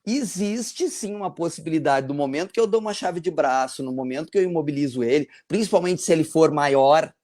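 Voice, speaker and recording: A man, a teacher hosting a podcast, talking casually and tagging his points with quick checks for agreement. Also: on the high side, darkish tone. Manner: conversational, frequent "tá?" tags. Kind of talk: casual discussion.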